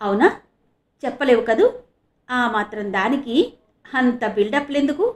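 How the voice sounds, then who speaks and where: Playful teasing young woman for an audio novel, higher voice, as the narrator puts her on. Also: moderate pace, reverberant, lightly acted.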